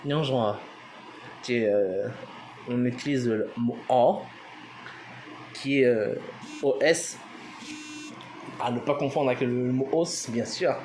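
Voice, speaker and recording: A man's voice: medium pitch, slow pace, pauses often, darkish tone, slight background noise. A man giving an informal language lesson, hesitant with many fillers, spelling words out letter by letter. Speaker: language teacher.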